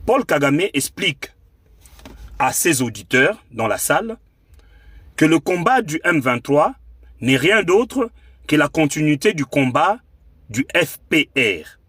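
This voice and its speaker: This Congolese commentator from the Democratic Republic of the Congo delivers a fervent, rhetorical political monologue, hammering points home by repeating phrases. His slightly high, somewhat bright voice has a breathy edge and swings widely in pitch. He keeps a measured pace with long pauses, and there's no echo.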